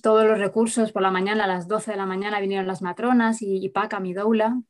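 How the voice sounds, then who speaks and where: A woman's voice: mid-range voice, steady tone. A woman, telling a personal story as an interview guest in a chatty way full of fillers. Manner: rapid, chatty, many verbal fillers. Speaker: guest mother recounting a home birth.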